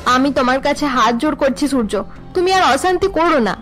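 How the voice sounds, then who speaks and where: A worn-down cartoon wife, voiced by a woman argues with her husband in a sharp, exasperated tone, her voice high and pressed. Music plays softly behind her. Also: expressive, fairly quick. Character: weary working wife, fed up with her drunk husband.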